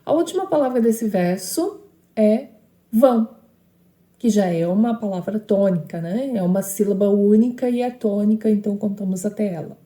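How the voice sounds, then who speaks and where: Woman, teacher, poetry lesson, dark mellow voice, roomy echo. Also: medium pitch, moderate pace. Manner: explanatory, frequent tag questions.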